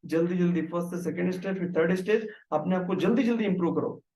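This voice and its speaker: A man's voice: high voice, darkish tone. A man giving a motivational training talk on sales calling, often checking in with "right" and explaining through examples. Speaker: network marketing trainer. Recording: echoey room, mic at a distance.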